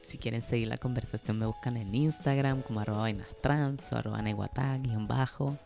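A man hosting a podcast, speaking in a gentle, unhurried, encouraging way in a reflective casual monologue. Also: medium pitch, fairly even intonation, creaky, over music. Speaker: podcast host.

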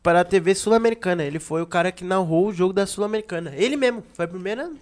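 Excitable guy on a podcast, talks fast, slangy. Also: high-pitched. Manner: excitable, slangy, laughs a lot. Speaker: podcast co-host. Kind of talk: casual chat.

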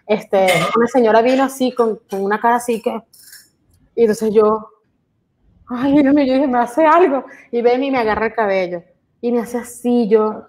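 A young adult woman with a Venezuelan accent, co-hosting a casual podcast chat and telling animated stories, acting out the lines people said to her. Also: on the high side, normal speed, low-quality recording. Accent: Venezuelan Spanish. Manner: animated storytelling, acts out quoted lines. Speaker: podcast co-host.

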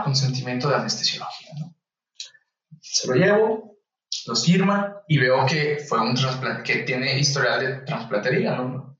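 A young Mexican man, a medical student, telling a story casually and lively, acting out the voices of the people in it. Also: mid-range voice, far from the mic. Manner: animated, acts out voices in anecdotes. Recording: echoey room, voice off-mic, slightly dull.

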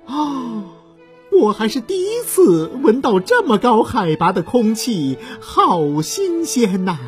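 A woman voicing an excitable young snake in a children's story, high and squealing. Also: a little slow, faint music behind. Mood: delighted.

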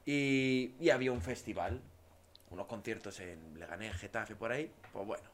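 A man's voice: lowish voice, moderate pace, slight background noise. A young man telling a personal story in a casual chat, laughing often and acting out the lines he quotes. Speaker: podcast co-host.

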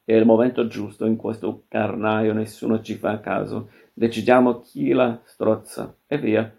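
A man's voice: on the low side, flat delivery, unhurried, gravelly, warm tone. A man reading aloud the lines of a ruthless male poet. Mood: blunt.

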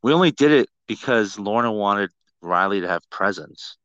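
A middle-aged man hosting a podcast, telling stories casually and comically in a sweary, self-mocking, animated way. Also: lowish voice, moderate pace, no room sound, dull audio. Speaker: podcast host.

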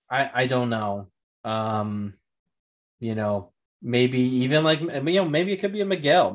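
A man talking in a casual vlog, rambling and hesitant, with many fillers and restarts as he thinks aloud. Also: mid-range voice. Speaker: YouTuber reviewing a TV series. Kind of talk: casual spoken vlog commentary.

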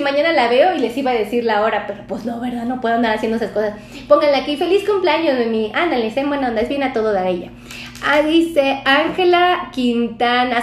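A woman's voice: high voice, echoey room, slight background noise. A Mexican woman doctor chatting casually on a live stream with a Mexican accent, effusive and chatty as she reads out viewer comments. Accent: Mexican Spanish.

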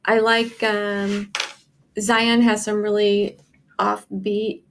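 A woman's voice: medium pitch, little pitch movement, extremely slow, a little hiss or hum. A woman, co-hosting a podcast in casual, rambling chat full of fillers and restarts. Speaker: podcast co-host.

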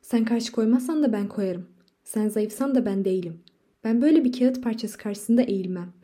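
A woman's voice: on the high side, normal speed, mellow, lightly acted. A woman reading the part of a defiant, tearful wife who speaks urgently and insistently, in a storybook reading. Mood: fierce.

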